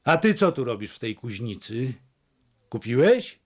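A man's voice: mid-range voice, big pitch swings, a little slow, slightly rough. A man voicing a cocky young wanderer who banters boldly and teasingly. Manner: teasing, bold.

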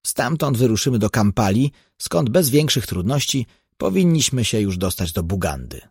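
A man's voice: mid-range voice, very animated, normal speed, a little mellow, breathy edge, no echo, studio quality. A man reading an audiobook, voicing a decisive expedition leader. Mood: resolute. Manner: decisive, questioning.

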